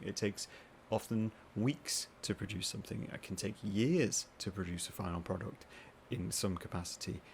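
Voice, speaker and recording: A man hosting a podcast in a casual, rambling monologue, with self-mocking asides and quoted voices acted out higher. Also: a little hiss or hum. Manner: acts out what others say in higher voices. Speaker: podcast host.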